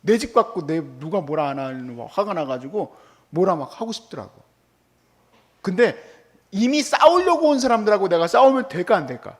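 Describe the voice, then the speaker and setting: Animated, high-pitched male pastor preaching. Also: moderate pace. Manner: animated, conversational preaching with quoted asides. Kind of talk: sermon. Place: church hall.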